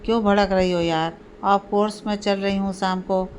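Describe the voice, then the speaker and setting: A young bride-to-be from a family storybook, speaking softly and with reassurance, as a woman narrator does her. It is close to the narrator's own voice, at an ordinary pitch. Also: steady tone, normal speed, a little hiss or hum, natural voice. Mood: casual.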